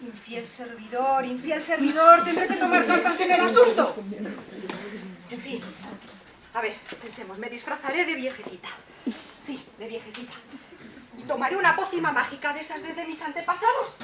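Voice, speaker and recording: A woman's voice: high voice, normal speed, crowd noise, lightly acted. A young woman acting a vain, wicked fairy-tale queen and old hag in a children's stage play, declaiming and gloating theatrically. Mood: imperious, exasperated. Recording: echoey school stage, distant, audience noise.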